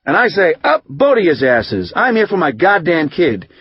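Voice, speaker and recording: A man reading an audiobook, voicing a rough, hot-tempered recovering drinker who rambles in profane street slang. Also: fairly high pitch, very animated, moderate pace, no room sound, dull audio. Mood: aggrieved. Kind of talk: audiobook narration.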